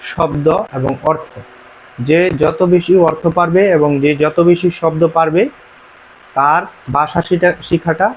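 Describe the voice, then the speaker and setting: A man teaching a beginner language lesson, explaining slowly and repeating himself, with frequent "ah" fillers. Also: on the high side. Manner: slow, repetitive explaining with many pauses and "ah" fillers. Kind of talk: classroom-style lesson. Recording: dull, muffled recording.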